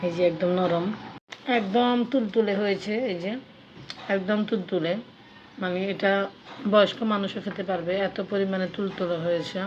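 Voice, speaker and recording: A young woman with a cold-roughened, hoarse voice, casually talking viewers through her breakfast cooking in her home kitchen. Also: medium pitch, steady tone, normal speed, dull audio, a little hiss or hum. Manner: chatty, shows each step. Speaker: vlogger.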